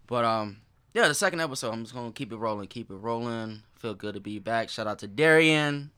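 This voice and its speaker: Guy hosting his podcast, bright voice, all over the place and laughing. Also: on the low side, fast, clean tone. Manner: laughs often, loose and rambling. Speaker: podcast host. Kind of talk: casual chat.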